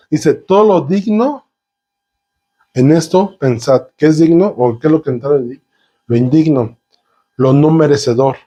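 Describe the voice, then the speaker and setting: A man's voice: on the high side, mellow. A man preaching a sermon, piling up synonyms and rhetorical questions and drawing the congregation in. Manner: talks with the congregation, asking them questions.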